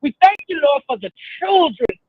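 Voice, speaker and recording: High, swooping woman in fervent prayer. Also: expressive, normal speed, dry recording, phone-quality sound. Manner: fervent, emphatic phrasing. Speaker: prayer leader on radio show.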